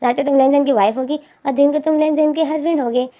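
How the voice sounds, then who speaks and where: A woman voicing a fussy, excitable middle-aged mother who asks shrill, fretful questions, in a storytelling narration. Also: fast talker, lightly acted. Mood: excited.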